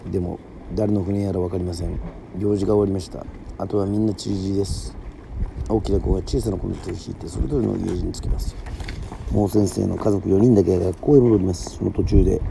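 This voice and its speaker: Gravelly man reading a story aloud. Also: sits low, fast, background noise. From Yoron Island, Japan. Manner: steady storytelling with casual asides. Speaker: musician and podcast host.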